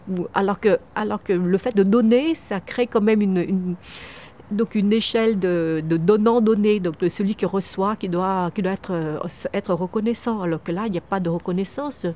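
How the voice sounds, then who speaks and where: The speaker, a microcredit charity founder from Vietnam in her fifties, gives earnest interview answers outdoors among trees on a wooden terrace. Her medium-pitched voice has a dark tone, she often restarts and repeats herself, and there is slight background noise.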